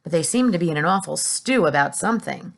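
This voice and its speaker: Chill wry centipede guy, lady reading, bit of gravel. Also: sits low, lively intonation, fast talker. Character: laid-back wry male centipede.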